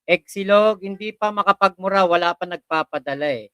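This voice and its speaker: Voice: mid-range voice, fairly quick, sharp tone, clean tone, dry recording. A livestream host casually chatting and reading viewer comments aloud, greeting people by name and laughing often.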